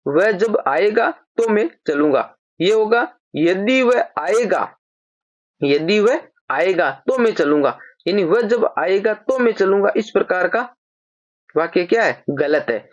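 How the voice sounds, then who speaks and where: A grammar teacher with a lilt to their works through exam-prep sentence corrections at a patient, explanatory pace. They read each example sentence slowly and more than once. The recording is dry and a little dull, like a simple lo-fi setup. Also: mid-range voice, animated, dry recording.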